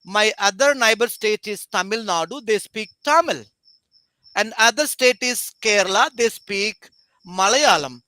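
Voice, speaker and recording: A man from Andhra Pradesh with a Telugu Indian accent, a native Telugu speaker, explaining things in an interview in halting, deliberate phrases. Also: high-pitched, expressive, bright, forceful tone, dry recording. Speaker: interview guest, foundation committee member.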